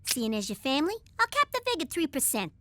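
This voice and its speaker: A woman's voice: high voice, huge pitch swings, fast talker, sharp tone, no room sound, full character voice. A woman voicing a cocky, streetwise young bully from a mob family in an adult cartoon, slangy and threatening. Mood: angry bullying.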